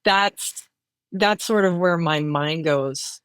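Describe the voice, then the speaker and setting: A low-voiced woman talks casually and reflectively as a podcast guest, often tossing in filler words and quick check-ins. The recording is dry and close. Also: clear, resonant tone, no room sound. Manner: reflective, casual, frequent "like" and "right?". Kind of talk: conversational interview answer.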